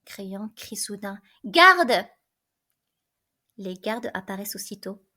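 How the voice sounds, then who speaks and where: A woman reading a play's stage directions aloud in a soft, even manner. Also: mid-range voice, moderate pace. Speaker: reader.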